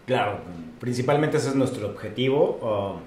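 A podcast co-host from Guadalajara with a Mexican accent chats casually, joking and tripping over repeated words. His mid-range, darkish voice moves at normal speed, recorded on a distant mic in an echoey room with faint noise.

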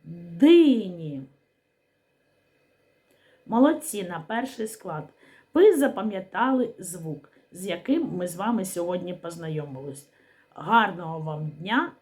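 A woman teaching a literacy lesson to young children, speaking slowly and articulating each sound clearly, asking questions and pausing for answers. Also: lowish voice, expressive, darkish tone. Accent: Ukrainian. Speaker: primary school teacher.

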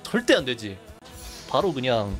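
A man's voice: mid-range voice, huge pitch swings, a little slow, a bit bright, soft background music. A young man casually commenting while streaming a game, chatty and laughing, reading chat aloud.

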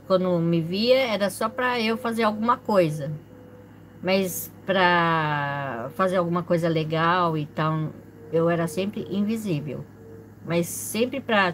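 A middle-aged woman telling a personal story on her vlog in a soft, halting way, often repeating herself. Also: on the low side, slight background noise. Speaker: channel host.

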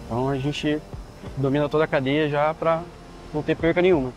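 Outdoors at a sawmill, the company's process director, a man with a Brazilian Portuguese accent, explains the operation plainly and matter-of-factly in a casual interview, often restarting and repeating words. His voice is on the high side with fairly even intonation and a fairly quick pace, and the audio is poor.

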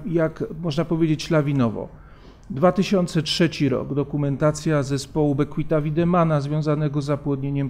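A man in his forties giving an academic conference lecture at a lectern, measured and hesitant, with frequent fillers and restarts. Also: a little high, a little mellow. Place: large conference hall, at a lectern. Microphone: lectern microphone.

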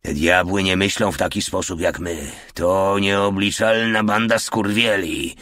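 A man voicing a gruff, pessimistic veteran soldier who gives short orders, in an audiobook. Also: sits low, unhurried, a bit bright, no room sound, clean studio sound. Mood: wary, grim. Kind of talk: audiobook character voice.

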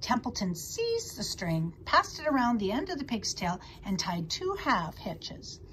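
Woman, storybook narrator, expressive, animated pitch, faint background hiss. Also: a little slow. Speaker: audiobook reader. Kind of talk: storybook read-aloud narration.

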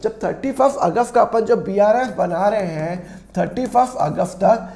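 A man with a sore, hoarse throat teaching an accounts lesson, asking and answering his own questions and repeating key phrases. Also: sits high, moderate pace, darkish tone, echoey room. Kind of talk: classroom-style lesson explanation.

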